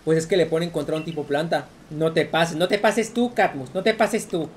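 A woman's voice: low voice, normal speed, darkish tone, a little hiss or hum. A woman with a Mexican accent giving casual, profane commentary while playing a video game, repeating herself as she rants. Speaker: gaming streamer.

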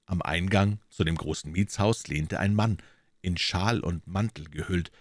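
A man narrating a classic detective story as an audiobook reader in a calm, steady way. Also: low-pitched, unhurried, dry recording, clean studio sound.

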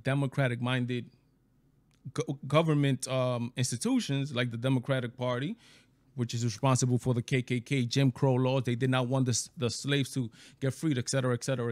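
A man's voice: medium pitch, fairly even intonation, darkish tone, no echo. Dominican guy on a headset, dry close sound, keeps restarting and pushing his point. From Dominican Republic. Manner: halting, restarts, emphatic. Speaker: show host. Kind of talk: casual debate on a video call. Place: small room indoors. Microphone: headset and studio mic.

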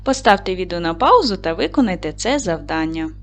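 A woman teaching a video lesson to young schoolchildren, dictating clearly and guiding them step by step. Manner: slow, clear dictating tone with lively pitch.

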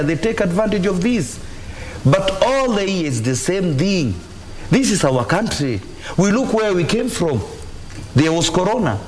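A Kenyan-accented religious leader gives impassioned, repetitive, exhorting answers in a TV studio interview, wearing a lapel mic. His voice is fairly high-pitched, and the poor audio carries an echoey room and a little hiss or hum.

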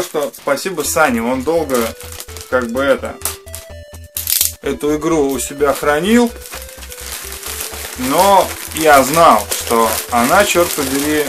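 A man in his thirties hosting a casual unboxing vlog in a small room, rambling in slangy, mildly sweary speech. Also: a little high. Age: 30s. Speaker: host of a retro games channel. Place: small furnished room indoors.

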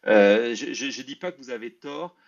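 A man hosting a live political talk show, explaining in a halting way and often repeating words. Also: mid-range voice. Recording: slightly dull, lo-fi audio.

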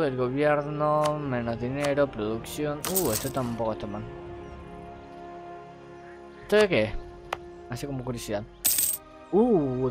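A man from gives playful, rambling let's play commentary full of jokey asides. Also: a little high. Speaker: gaming YouTuber. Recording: music playing under voice.

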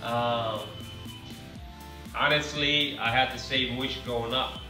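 A man's voice: mid-range voice, steady tone, slow, music in the background. A man, talking casually and reflectively with many fillers, recorded in a large home garage by a camera some distance away. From Romania. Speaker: car-building vlogger. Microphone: camera set some distance away on a ladder. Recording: echoey garage from far off.

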